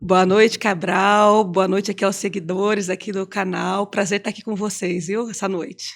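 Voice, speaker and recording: Gravelly Brazilian woman guest. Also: medium pitch, flat delivery, moderate pace. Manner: rambling, many fillers like "né". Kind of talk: casual interview talk.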